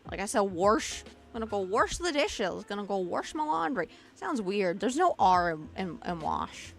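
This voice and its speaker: A Live2D rigging streamer talks casually while walking through a livestream tutorial, often restarting her sentences. She has a mixed Southern and Midwestern accent and a sing-song, mid-range voice with vocal fry at normal speed, with faint music in the background.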